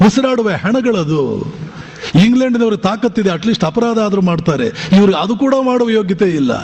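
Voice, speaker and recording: Male monk, fairly high voice, impassioned sermon with rhetorical questions, long hall echo. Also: a little mellow, breathy edge. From Bijapur region, Karnataka. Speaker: monk giving a motivational talk. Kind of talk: motivational sermon.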